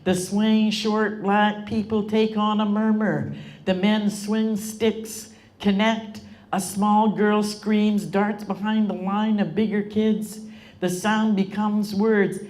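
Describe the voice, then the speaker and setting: A woman reads her own poetry to a live audience. Her delivery is slow and deliberate, with a steady rhythmic cadence. Her voice sits in a middle register and carries quiet feeling. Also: mid-range voice. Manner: emotionally moved at points. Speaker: author reading her own work.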